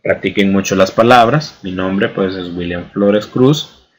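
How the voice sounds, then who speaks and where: A man's voice: sits low, a little slow, poor audio. A male teacher giving a bilingual spelling lesson, repeating each word twice and often adding "¿verdad?". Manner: mixes Spanish and English, often adds "¿verdad?".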